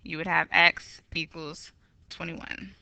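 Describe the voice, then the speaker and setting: Slow, bright-voiced woman teaching geometry. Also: deep voice, flat delivery, gravelly, dry recording, rough recording. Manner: patient, methodical, corrects herself aloud. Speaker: math teacher. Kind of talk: recorded geometry lesson.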